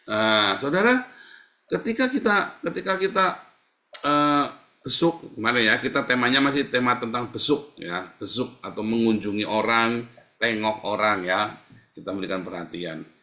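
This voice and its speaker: A man's voice: medium pitch, animated, moderate pace, pushed and bright. A middle-aged man preaching a live-streamed sermon, repetitive and exhorting, who keeps calling his listeners "saudara". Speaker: pastor. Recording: echoey room.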